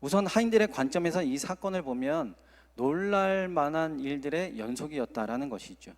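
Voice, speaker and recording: A man's voice: a little high, expressive, a little fast. A male associate pastor preaching a sermon at a Friday service, earnest and acting out quoted dialogue. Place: church sanctuary. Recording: long church hall reverb.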